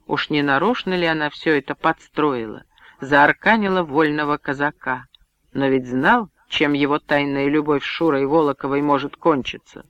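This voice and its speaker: Man narrating in a slightly high voice. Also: a bit bright, no echo. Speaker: audiobook reader. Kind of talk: scripted narration. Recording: muffled, dry audiobook recording.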